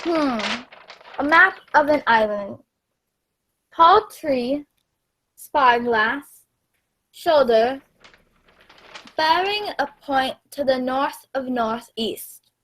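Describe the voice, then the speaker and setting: A woman playing a frank gentleman doctor in a radio play, speaking in a measured, deliberate way. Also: sits high, expressive, exaggerated voice, low-quality recording.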